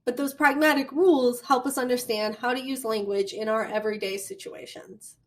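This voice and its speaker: A woman with a Midwestern American accent giving a recorded college lecture, chatty and animated, with storytelling asides. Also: a little high, moderate pace. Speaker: college communication instructor.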